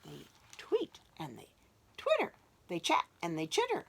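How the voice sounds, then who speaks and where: A woman reads a bedtime story to young children with lively, sweeping intonation, inviting them to join in and dropping into whispers for suspense. Her voice carries a gravelly fry, and she takes it slowly. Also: on the low side, a little hiss or hum. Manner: animated, asks listeners to join in, whispers for suspense. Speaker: children's librarian. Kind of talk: reading a picture book aloud to children.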